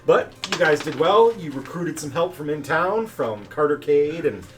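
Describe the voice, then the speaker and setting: A man running a tabletop game as game master, narrating in a relaxed, chatty way with plenty of fillers. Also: fairly high pitch, moderate pace, soft background music. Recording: distant mic, faint background noise.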